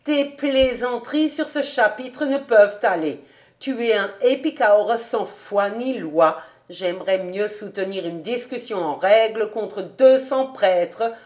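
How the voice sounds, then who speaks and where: A woman puts on an old rabbi in a storybook, his voice raised and emphatic as he protests. He is fond of his friend yet quick to bristle, and the delivery is slow and deliberate. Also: mid-range voice, expressive, lightly acted. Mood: indignant. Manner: heated, exclaiming.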